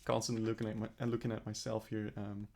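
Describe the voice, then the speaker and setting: A young man records a casual personal vlog, speaking earnestly to the camera about his plans. His voice is gravelly with a lot of fry, and he keeps his pitch fairly level. He rambles, restarts and corrects himself as he thinks aloud. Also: completely flat delivery, fast, a little mellow, a little hiss or hum. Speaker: vlogger. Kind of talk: casual self-reflective vlog.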